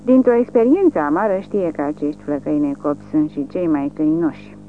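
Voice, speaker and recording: A woman narrating an audiobook in steady, even storytelling. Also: low-pitched, soft background music. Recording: tinny lo-fi with faint hum.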